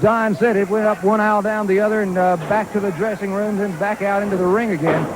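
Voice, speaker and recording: Male wrestling broadcast host, high pitch, live desk delivery over arena noise. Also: fairly even intonation, quick pace. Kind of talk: live sports broadcast hosting. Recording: noisy arena crowd behind the voice.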